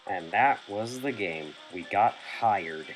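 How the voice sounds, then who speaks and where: A man's voice: lowish voice, animated, slow pace. A man narrating his video game playthrough in casual let's play commentary on a noisy older gameplay recording.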